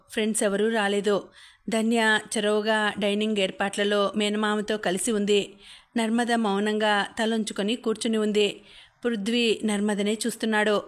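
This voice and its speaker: A woman narrating a novel as an audiobook, reading calmly and steadily. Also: mid-range voice. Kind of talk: storybook narration.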